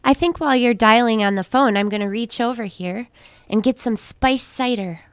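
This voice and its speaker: A woman's voice: fairly high pitch, normal speed, smooth, no echo. A woman co-hosting a playful radio call-in giveaway, talking cheerfully with callers in a sing-song way. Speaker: radio show co-host. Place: radio studio.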